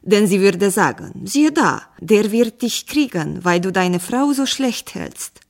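Lady reading a calm patient painter guy, lower and softer, slow and a bit gravelly, fairy tale. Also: exaggerated voice. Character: calm pitying town painter, man, wise.

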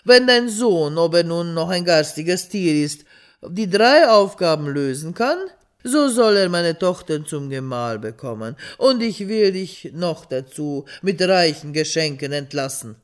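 A storyteller voicing an angry, haughty old king in a fairy tale reading, with a booming, blustering voice. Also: lively intonation, measured pace, smooth, lightly acted. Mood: stern.

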